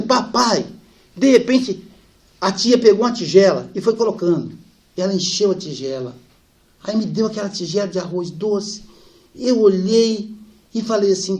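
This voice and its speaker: Brief: middle-aged male spiritist speaker, animated storyteller, fairly high voice, acts out the dialogue. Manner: animated storyteller, acts out dialogue, drops soft and slow for sad parts. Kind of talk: storytelling lecture.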